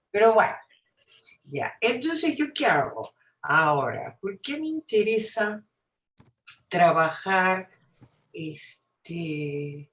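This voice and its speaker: A woman from Peru with a Peruvian Spanish accent gives an informal academic talk in a conversational way, often adding little tag questions. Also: lowish voice. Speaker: academic, film historian speaking at a seminar. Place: seminar room, indoors. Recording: echoey room sound.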